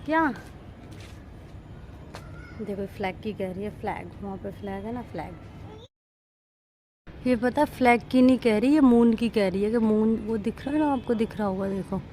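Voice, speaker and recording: A woman's voice: medium pitch, moderate pace, pauses often, dark tone, slight background noise. A woman chatting straight to her viewers in a casual family vlog, filmed at home on a handheld phone. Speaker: vlogger mother. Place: at home, later on the rooftop. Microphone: handheld phone camera.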